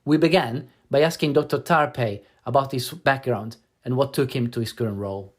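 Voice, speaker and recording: A man hosting a podcast, reading a polished introduction in a measured way and then asking interview questions. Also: medium pitch. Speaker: podcast host.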